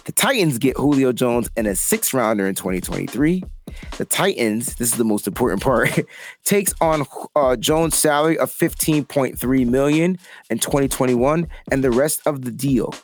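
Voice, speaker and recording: A man hosting a casual sports talk show, excitable and given to repeating himself. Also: medium pitch, normal speed, soft background music. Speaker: podcast host.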